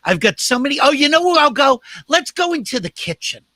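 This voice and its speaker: A man's voice: very high voice, big pitch swings, fairly quick, bright, forceful tone. A man hosting a casual interview in a chatty, playful, gossipy way. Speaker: talk show host.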